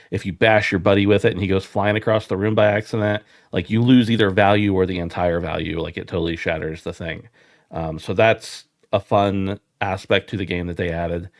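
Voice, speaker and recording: A man's voice: fairly low pitch, dry recording, studio quality. A man hosting a casual gaming podcast, easygoing and chatty. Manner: easygoing, chatty, frequent restarts. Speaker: podcast host.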